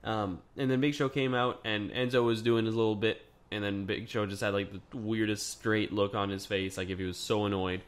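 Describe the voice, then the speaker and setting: A man hosting a podcast, talking through a casual solo review in a chatty, excitable way with lots of fillers. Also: fairly low pitch, moderate pace, few pauses. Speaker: podcast host.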